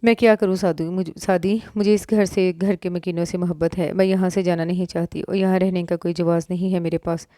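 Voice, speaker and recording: Tearful stubborn young wife, a woman reading her, low mellow voice, pleading. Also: level tone, fairly quick, hardly any pauses, no room sound, studio quality, lightly acted.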